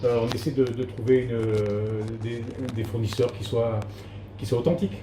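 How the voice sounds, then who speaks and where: A middle-aged man from France, interviewed as a restaurant cook, answers casually in a medium-pitched, flat voice at a moderate pace. He hesitates and repeats words while searching for phrasing, in an echoey room with faint noise.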